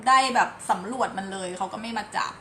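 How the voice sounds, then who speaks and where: A woman's voice: mid-range voice, fairly even intonation, fast, a bit bright. A woman hosting a live parenting show, chatting casually and relaying her co-host's points to viewers. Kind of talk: live-stream parenting chat, translating for viewers. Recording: echoey room, faint background noise.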